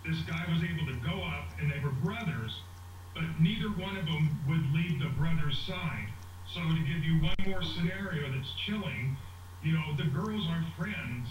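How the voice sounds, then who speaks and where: A retired police captain, a man, weighing theories in a measured way as a TV guest, heard as TV audio re-recorded through a speaker. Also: on the high side, lively intonation, distant mic, slight background noise. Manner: measured, theorizing from past cases. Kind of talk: TV call-in commentary. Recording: dull, echoey TV sound played through a speaker from afar.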